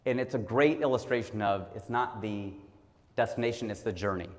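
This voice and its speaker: A fortysomething Ohio man gives a motivational talk in the manner of stand-up comedy, keeping it jokey and chatty while impersonating those he quotes. His voice is fairly low and his pace brisk, echoing through a large hall.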